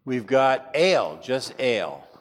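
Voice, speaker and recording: A man's voice: mid-range voice, very animated, extremely slow. A man teaching a class, chatty, with wry asides and frequent fillers. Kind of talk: classroom lecture.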